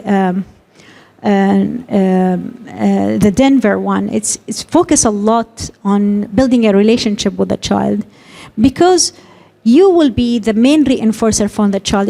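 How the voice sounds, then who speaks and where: A woman's voice: a little high, dark tone. A woman, a speech and language consultant, giving a conference talk and acting out examples of how parents speak to children. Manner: explains with many acted examples of parent talk.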